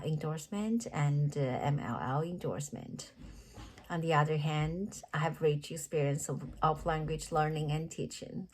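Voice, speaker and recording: Steady background noise runs under this recording of a woman practicing rehearsed interview answers for a teaching position. Chinese is her first language; her voice is low, and she speaks in an earnest, measured way, frequently starting over and correcting herself.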